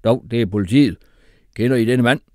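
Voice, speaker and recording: A man's voice: medium pitch, dark tone, no echo, studio quality, natural voice. A man voicing a matter-of-fact male police officer explaining things. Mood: officious.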